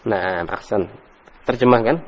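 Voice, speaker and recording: A man's voice: fairly low pitch, a little slow, lo-fi sound, a little hiss or hum. A man teaching an Arabic grammar lesson, patiently correcting students and praising them often. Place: mosque study hall. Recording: long hall reverb.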